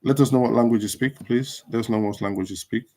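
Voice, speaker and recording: A Nigerian man whose first language is Igbo hosts a casual live stream, chatting with viewers in an unhurried way and using many fillers. His voice is medium-pitched and a little mellow, with fairly even intonation.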